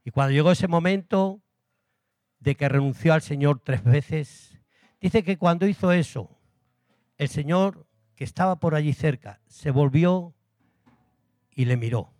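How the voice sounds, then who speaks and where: A man's voice: on the high side, unhurried, pauses often, darkish tone, no echo. A man preaching an earnest sermon, addressing the congregation as brothers.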